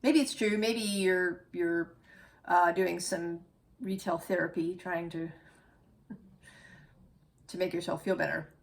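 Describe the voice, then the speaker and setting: A woman's voice: on the low side, steady tone, slow pace, vocal fry, long pauses. A woman giving a casual, reflective tarot reading, musing aloud and correcting herself as she goes. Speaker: tarot reader.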